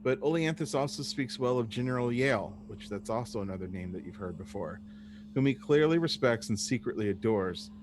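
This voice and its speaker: A man runs a tabletop game as game master, narrating the story to players. His voice sits at a middle pitch. A clear hum runs through the recording. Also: animated, a little fast.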